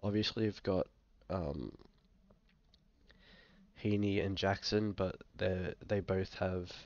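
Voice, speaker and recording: Speaking slowly in a flat, low voice with some fry, a young Aussie bloke who's under the weather coughs now and then. He gives laid-back, hesitant screen-share commentary as a fantasy football vlogger, leaning on frequent fillers. The dull webcam sound comes from a small room indoors.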